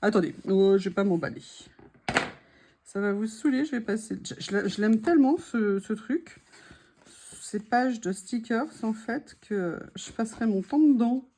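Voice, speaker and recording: A woman's voice: fairly high pitch, moderate pace, warm tone, a little hiss or hum. A woman chatting casually while she crafts, thinking aloud and sometimes dropping to a murmur. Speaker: crafting vlogger.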